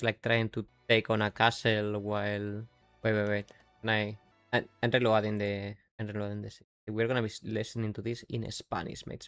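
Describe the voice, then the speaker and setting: Chatty Yorkshire man, low dry voice. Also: creaky, fairly bright tone, no echo. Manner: chatty, rambling, breaks off mid-sentence. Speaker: streamer. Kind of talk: casual live-stream commentary.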